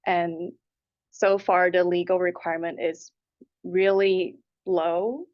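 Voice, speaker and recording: Taking her time, a woman in her twenties from Taipei and Hong Kong answers an interviewer's questions earnestly and conversationally. Her voice is on the low side with a steady tone. She is an applicant, and the audio is dull and lo-fi.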